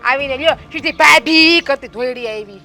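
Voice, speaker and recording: A high, bright-voiced village elder sister-in-law, played by a woman, scolds bluntly. She is quarrelsome and strict, with light music behind her in this family drama. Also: normal speed. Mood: scolding.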